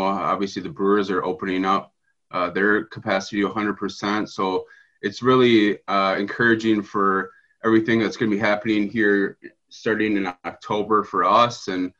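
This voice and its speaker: A man being interviewed as a guest over a video call, speaking in a measured way with fillers. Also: lowish voice, steady tone, pushed and bright, lo-fi sound. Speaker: director of business operations, guest. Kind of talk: remote interview.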